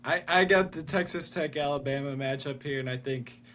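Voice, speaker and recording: Slightly high-voiced young man, contrarian. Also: normal speed, fairly bright tone. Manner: contrarian, chuckling. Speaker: podcast co-host. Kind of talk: casual sports podcast chat.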